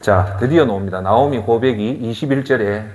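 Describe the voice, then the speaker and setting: A middle-aged man with a Gyeongsang accent preaching a sermon, firing off rhetorical questions in an animated way. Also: medium pitch, brisk. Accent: Gyeongsang Korean. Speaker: pastor.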